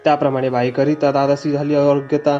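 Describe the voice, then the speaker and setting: Man, devotional scripture reader: flat, dark delivery over faint music, lo-fi dull sound. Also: on the high side, quick pace.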